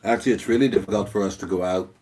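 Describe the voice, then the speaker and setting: A man co-hosting a mukbang, chatting casually and answering viewer questions over a meal, with hesitant pauses. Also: fairly low pitch, steady tone, a little mellow. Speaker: mukbang co-host.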